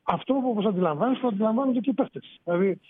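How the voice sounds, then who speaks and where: A man, a sports reporter phoning in to a radio show, explaining in an animated way. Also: sits high, background noise. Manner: explanatory, animated, rising emphasis. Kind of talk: sports radio phone-in analysis. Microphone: phone. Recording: tinny phone line on radio.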